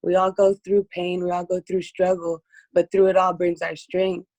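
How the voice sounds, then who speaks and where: Hoarse lady on an interview, voice half gone, lowish, really earnest, telling her own story, dry sound. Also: little pitch movement, normal speed, a little mellow, no echo, muffled recording. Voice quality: hoarse, strained voice from voice loss. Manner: earnest, testifying. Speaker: interview guest. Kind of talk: personal testimony in an interview.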